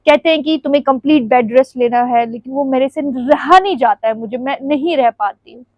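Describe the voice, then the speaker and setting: A woman's voice: high voice, fairly quick, a little mellow, no echo, low-quality recording. A young woman vlogging at home, talking in a rambling, confiding way and laughing often as she chats. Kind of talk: casual chatty vlog. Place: at home, standing before the camera.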